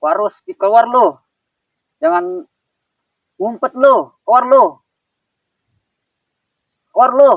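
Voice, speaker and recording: A man playing a hot-headed adult male thug boss who shouts crude insults and repeated threats. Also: very high voice, lively intonation, slow pace, vocal fry, pauses often, dry recording, exaggerated voice. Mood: furious shouting. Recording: dull, dry lo-fi audio.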